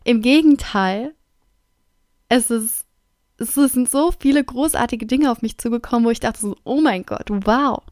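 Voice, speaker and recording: A woman speaking as a self-help coach, guiding the listener through calm self-reflection in a gentle, encouraging way that often drops into a soft whisper. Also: on the high side, moderate pace, no echo, clean studio sound. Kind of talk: guided self-reflection talk.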